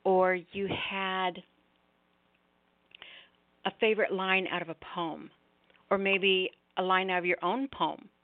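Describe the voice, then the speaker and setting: A middle-aged woman speaks slowly, pausing often, as she hosts a poetry open mic show. Her voice is lowish with little pitch movement, and her announcements ramble and break off apologetically. Jaw surgery has left her articulation a bit off, and the phone-line sound is thin and roomy.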